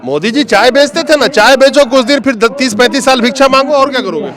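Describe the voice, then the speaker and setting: High-voiced man mocking at a protest. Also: brisk, fairly bright tone. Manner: mocking, sarcastic, fired-up. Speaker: street reporter. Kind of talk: sarcastic on-the-street interview. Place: outdoors at a street protest.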